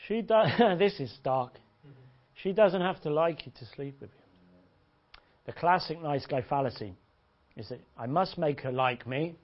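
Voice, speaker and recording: A man gives a blunt, joking seminar talk as a dating coach. His voice sits a bit high for a man. The recording is dull and lo-fi. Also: lively intonation, unhurried, long pauses. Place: seminar room. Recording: dull lo-fi audio.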